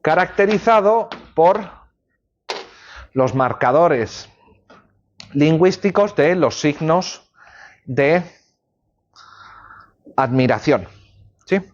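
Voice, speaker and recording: A man's voice: on the high side, expressive, very slow, long pauses. A male law lecturer giving a university class, explaining ideas with everyday examples and checking in with students. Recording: dull lo-fi classroom recording.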